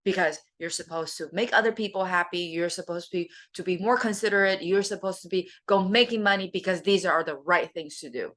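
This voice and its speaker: A woman hosting a motivational self-help talk. Her voice sits low yet sounds crisp and bright, and she speaks earnestly, leaning on key words. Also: a little fast, hardly any pauses. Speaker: host, life coach.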